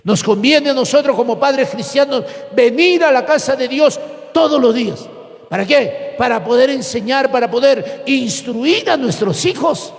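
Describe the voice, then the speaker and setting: A man preaching a sermon as pastor, asking questions and answering them himself, with sudden shouts. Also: very high-pitched, expressive, moderate pace, in a large hall. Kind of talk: Pentecostal sermon. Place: church hall.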